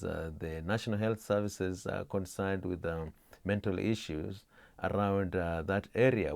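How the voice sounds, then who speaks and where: A middle-aged man from Kenya, explaining his theatre work in an interview, measured with many pauses and restarts. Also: on the low side, a little mellow, no room sound.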